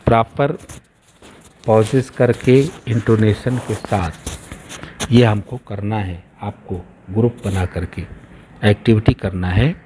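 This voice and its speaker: A man with an Indian accent teaches a textbook lesson at a very unhurried pace. His voice is dark and mellow. He reads each English line slowly, then explains it in Hindi. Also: on the low side, steady tone, slight background noise, rough recording.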